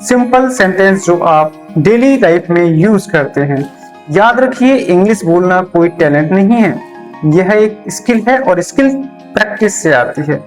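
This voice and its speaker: Soft music plays behind a teacher whose medium-pitched voice has lively intonation and a measured pace. The lesson is beginner English taught in Hindi, with repeated key terms, self-answered questions, and examples written on a board.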